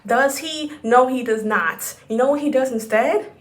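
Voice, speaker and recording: A woman ranting her way through a film recap, exasperated and swearing freely. Her voice sits a little high. It echoes around the room she records in. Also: unhurried. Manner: animated, exasperated, profane. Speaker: vlogger reviewing a film.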